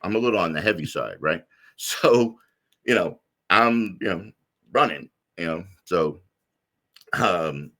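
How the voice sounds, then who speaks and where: A middle-aged man from the United States telling a personal story as an interview guest, rambling with many fillers and restarts in a deep voice. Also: lively intonation, measured pace, sharp tone. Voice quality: deep low voice.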